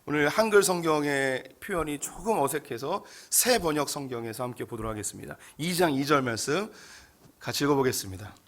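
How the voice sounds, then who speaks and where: A male pastor preaching a sermon, telling the story in a lively, candid way. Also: a little high, brisk.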